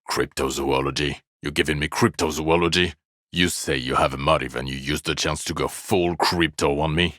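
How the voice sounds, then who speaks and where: A jaded cop from a video game speaks in an extremely low, gravelly voice, sarcastic and irritable, giving his lines a weary, scornful deadpan that sounds exasperated and dismissive. The performance is heavily acted, and the sound is close and dry with no echo.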